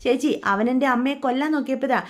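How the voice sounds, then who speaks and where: Woman reading a resolute daughter; high, firm. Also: fairly even intonation, very fast, natural voice. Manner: firm, defiant. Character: resolute young daughter defending mother.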